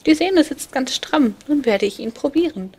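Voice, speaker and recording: A woman voicing a mischievous little boy, the love god Amor with his bow, in a high, loud, teasing voice for a read-aloud fairy tale. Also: expressive, normal speed. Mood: cheeky. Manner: boastful, teasing.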